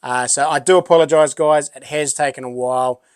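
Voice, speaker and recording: A man's voice: a little high, fairly even intonation, a little fast, clear, resonant tone, no echo. A middle-aged man with a broad New Zealand accent chats casually and matily as a livestream host, rambling in a laid-back way as he answers viewers. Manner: matey, laid-back and rambling, with local slang.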